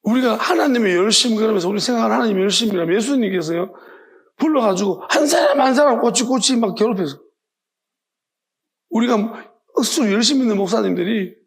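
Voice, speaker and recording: Gravelly-voiced pastor preaching. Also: male voice, high-pitched. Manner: emphatic, rhetorical questions, acts out imagined voices. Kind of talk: evening sermon.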